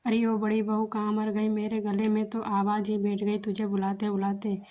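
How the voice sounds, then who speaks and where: A woman's voice: mid-range voice, completely flat delivery, moderate pace, lightly acted. A taunting mother-in-law, voiced by a woman. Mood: scolding. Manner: sharp, taunting. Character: nagging scolding older mother-in-law.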